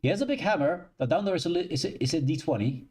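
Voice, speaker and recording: A man's voice: a little high, animated, fast, a little mellow. A young Dutch man with a Dutch accent, chatting casually with his live-stream chat from a shared living room, rambling and correcting himself as he goes. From Netherlands.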